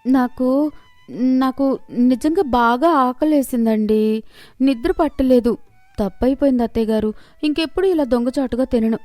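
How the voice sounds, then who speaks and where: A shy, hungry young bride who talks softly and pleads, played by a woman in a cartoon tale. Her voice is raised and light, and it sounds close and dry over quiet music. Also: high voice, fairly even intonation, moderate pace, long pauses, no echo, pitched above the performer's own voice. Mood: pleading. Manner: pleading, soft. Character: timid hungry young daughter-in-law.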